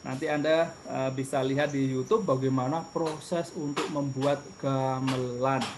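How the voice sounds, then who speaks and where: A middle-aged man teaches children, patient and gently singsong. He breaks into short hummed tunes to show his point. His voice sits at an ordinary middle pitch. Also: steady tone, measured pace, background noise. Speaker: guest teacher. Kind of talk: online class lecture to children.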